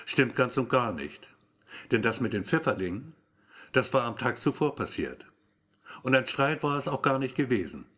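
A man's voice: mid-range voice, lively intonation, normal speed, a bit bright. Wry man narrating in first person. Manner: wry, brooding inner monologue. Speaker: audiobook narrator.

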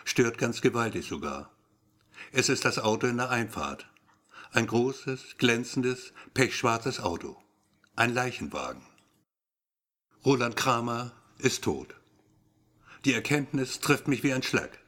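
A man narrating a novel in the first person. His delivery is wry and brooding, like an inner monologue. His voice sits at a middle pitch for a man. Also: animated, takes it slowly, pauses often, fairly bright tone. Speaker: audiobook narrator.

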